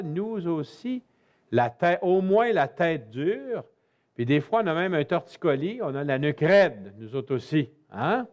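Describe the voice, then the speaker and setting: Slow, emphatic French-Canadian priest. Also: male voice, fairly high pitch, darkish tone. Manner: slow, emphatic, folksy asides to listeners. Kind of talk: sermon on scripture. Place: church.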